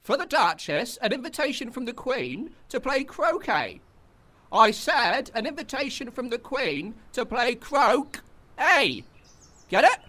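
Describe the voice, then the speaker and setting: Officious fish footman, audio drama, female performer: highish, animated, snippy declaiming. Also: moderate pace, few pauses, full character voice.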